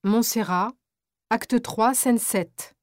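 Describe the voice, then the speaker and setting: A woman reading a play's stage directions in a low, quiet, matter-of-fact tone. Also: slow, no room sound, clean studio sound. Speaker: play reader.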